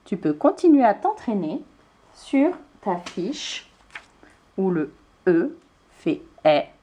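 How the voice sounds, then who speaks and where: A woman's voice: medium pitch, sing-song, warm tone, a little hiss or hum. A woman teacher giving a spelling lesson to young children, spelling words out letter by letter. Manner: slow, clearly spelled out letter by letter.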